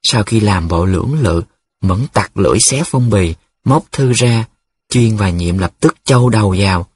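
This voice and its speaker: Brief: male audiobook narrator, husky voice, dry close recording, even storytelling. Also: fairly low pitch, normal speed, no echo. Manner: steady storytelling read. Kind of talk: scripted novel narration.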